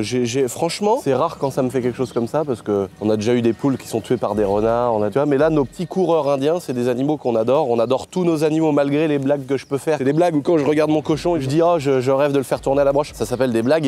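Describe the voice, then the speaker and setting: A man's voice: medium pitch, dark tone. A man vlogging casually as he shows off his vehicles, slangy and joking with crude banter. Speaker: YouTuber showing his garage. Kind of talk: casual vlog.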